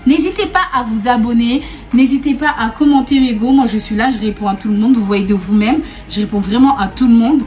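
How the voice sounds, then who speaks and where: Young woman, from Réunion, vlogger, casual storytime chat, talkative, repeats herself, laughs a lot, slightly high voice. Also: fairly quick, darkish tone. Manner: chatty and repetitive, often laughing, calls viewers 'mes go'.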